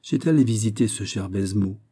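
A man reading the part of a shrewd middle-aged musketeer captain, brisk and forthright, in an audiobook. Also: on the low side, warm tone, husky. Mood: bluff.

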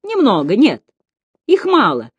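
A woman's voice: fairly high pitch, huge pitch swings, a little slow, slightly rough, dry recording, dull audio, voice pushed up, full character voice. A woman reading a stern male physician who speaks in a solemn, commanding way.

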